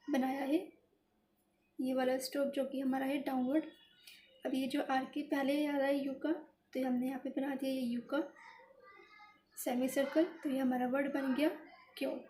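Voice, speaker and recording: A woman's voice: sits high, dark tone, a little hiss or hum. A woman teaching a shorthand lesson, explaining each stroke step by step and repeating the result as she writes. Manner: methodical, repeats each step while writing.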